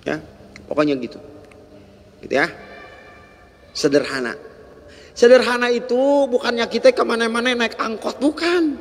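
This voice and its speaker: A male preacher, giving a lively storytelling sermon in casual slang. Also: very high-pitched, normal speed, long pauses. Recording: echoey hall.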